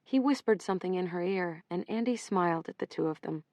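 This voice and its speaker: A woman narrating an audiobook in a measured, even storytelling manner. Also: on the low side, dry recording.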